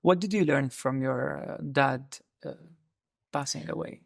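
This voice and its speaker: Low-voiced woman host, dry sound. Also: unhurried, vocal fry, dry recording. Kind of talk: interview questions.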